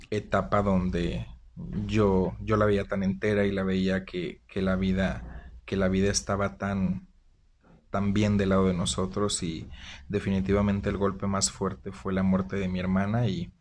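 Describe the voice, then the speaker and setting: A man's voice: low voice, slight background noise. A Mexican man in his thirties, a podcast guest talking casually, jokey at times and openly sentimental. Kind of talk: casual interview.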